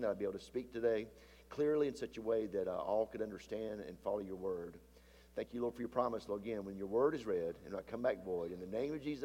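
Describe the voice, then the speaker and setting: His sinuses congested, a preaching pastor sounds stuffier and deeper than he usually does. He frequently swells in volume and slows his pace for emphasis during the sermon. The church sanctuary adds a long, hall-like reverb.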